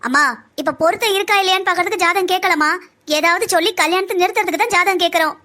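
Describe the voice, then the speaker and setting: A woman voicing a sharp-tongued, scheming young woman who pushes and coaxes her family in a cartoon drama. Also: extremely high pitch, very fast. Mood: plotting. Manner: pushy, coaxing.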